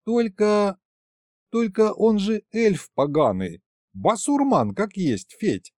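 A man's voice: high-pitched, sing-song, takes it slowly, a little mellow, no echo, studio quality, voice pushed up, full character voice. A man reading an audiobook, voicing a young female snow maiden who drawls and frets in a raised, whiny voice. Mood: whiny pleading. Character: young woman, snow maiden, sulky and fretful. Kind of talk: audiobook character voice.

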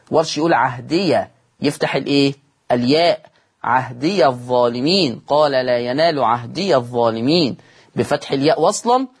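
A man with an Egyptian Arabic accent and a mid-range, breathy-edged voice teaches Quran recitation rules in a televised studio lesson. He repeats key points and asks his students questions that he then answers himself.

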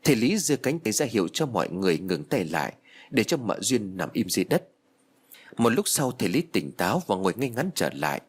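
Male audiobook narrator for a ghost story, husky and dramatic. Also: on the low side, very animated, brisk.

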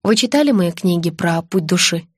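A woman's voice: on the low side, expressive, moderate pace, breathy edge, no echo, clean studio sound, voice pushed down. A woman reading an audiobook, voicing a self-assured, pompous middle-aged man who writes books. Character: pompous middle-aged male author, host of the house.

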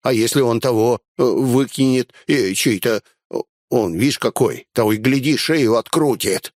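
A man's voice: mid-range voice, measured pace, a little mellow, no echo, studio quality, lightly acted. A man voicing a dim-witted male bandit sidekick who mutters crude, folksy slang. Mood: grumbling. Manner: mumbling folksy slang with fillers.

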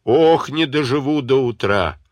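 A man's voice: mid-range voice, expressive, a little slow, dry recording, voice pushed up, lightly acted. A man voicing a frightened, complaining old mother who groans and wails. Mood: wailing. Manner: groaning, wailing.

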